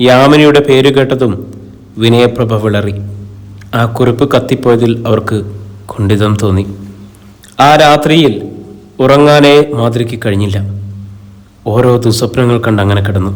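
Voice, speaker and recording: A man reading a horror story as scripted narration, steady and measured. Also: medium pitch.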